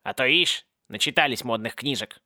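A man's voice: mid-range voice, moderate pace, bright, forceful tone, no room sound. A man voicing a grumpy, sarcastic ancient magic hat in an audiobook, mocking and bossy, in a dry recording.

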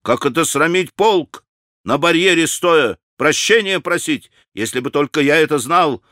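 A male audiobook reader voicing a brash young army officer who speaks in brisk, blunt exclamations. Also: mid-range voice, sing-song, fairly bright tone, no echo, clean studio sound. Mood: outraged.

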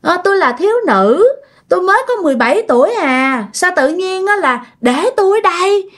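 A woman voicing a frail old grandmother possessed by a spirit, shrill, scolding and lamenting. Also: lively intonation, fairly quick, fairly bright tone. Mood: pleading.

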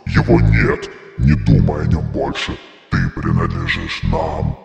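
A man voicing a cruel, gloating spider-like demon with a deep, growling, devilish voice, under a demonic reverb effect. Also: wildly swooping pitch, a little slow, vocal fry, a little mellow, soft background music, exaggerated voice. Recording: long echoing reverb effect.

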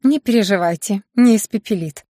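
A woman voicing a proud, sharp-tongued young female student with a snippy, mocking manner. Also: mid-range voice, brisk, no room sound, clean studio sound, lightly acted. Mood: snippy confident.

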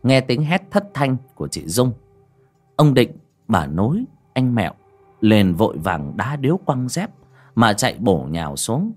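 A man with a husky, breathy voice narrates a horror story, his pitch rising and falling with lively drama. Faint music plays behind him. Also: unhurried. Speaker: audiobook narrator.

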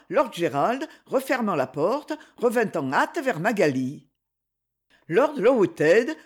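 A narrator reading a classic romance novel in an expressive, animated way. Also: medium pitch. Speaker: audiobook narrator.

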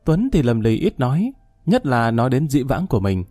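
A man reads a story aloud in a steady, measured way, his voice mellow and soft-edged. The sound is dry and close to the mic, with faint music running underneath. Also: medium pitch, no room sound. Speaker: narrator. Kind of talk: audiobook story reading.

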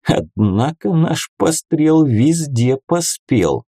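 A man reads a fantasy novel aloud in the first person with an ironic, chatty delivery. His voice is mellow and dark, and his pitch moves a lot. It is recorded close and dry. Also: big pitch swings, slow, breathy edge, no echo. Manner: ironic, conversational storytelling. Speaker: audiobook narrator. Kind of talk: first-person audiobook narration.

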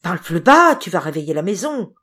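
Woman putting on gruff thief guys in a fairy tale, urgent and pushy, lively delivery. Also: lowish voice, fairly quick, full character voice. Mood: hissing. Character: gruff grown men, scheming thieves.

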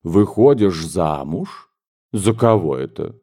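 A man's voice: deep voice, lively intonation, slow, dark tone, slightly rough, exaggerated voice. A man voicing a flustered middle-aged mother who frets and stumbles over her words. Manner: fretful, hesitant, flustered.

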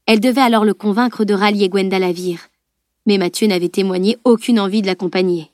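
Lady reading a novel aloud, calm even pace, dead dry recording. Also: medium pitch, dry recording. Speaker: audiobook narrator. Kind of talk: scripted narration.

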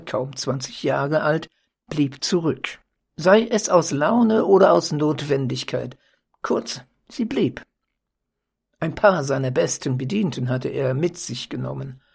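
Audiobook narrator, unhurried and deliberate, slightly husky. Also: medium pitch. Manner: slow, measured storytelling. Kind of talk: audiobook reading.

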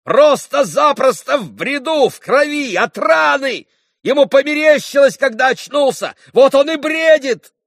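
A man voicing a hot-tempered young man accused of murder, who shouts breathless protests in an audiobook. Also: very high-pitched, expressive, measured pace, no room sound, studio quality, voice pushed up, full character voice. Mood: frantic.

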